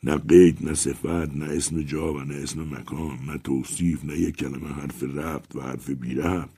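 A man narrating a story aloud in a measured, rhythmic reading. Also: very deep voice, steady tone, mellow, breathy edge, no echo, studio quality.

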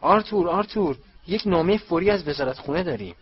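A man voicing an excitable middle-aged wizard mother, raising his voice high and urgent. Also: breathy edge. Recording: slightly dull, faint hiss.

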